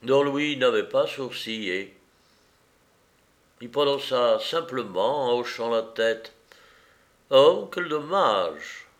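A man narrating an adventure novel in a measured reading. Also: medium pitch. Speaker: audiobook narrator. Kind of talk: scripted narration.

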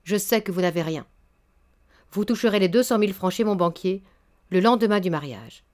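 A woman's voice: mid-range voice, lively intonation, moderate pace, lightly acted. A woman reading aloud, voicing a proud old male baron who scolds a young man indignantly and stammers in his anger. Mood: cold, businesslike. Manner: indignant, stammering then thundering.

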